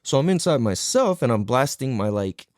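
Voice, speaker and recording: A man's voice: medium pitch, sing-song, normal speed, a little mellow, no echo, studio quality. A man from the United States in his thirties, hosting a podcast and telling a long story in a rambling, profane way, laughing often. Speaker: podcast host. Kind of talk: casual storytelling monologue.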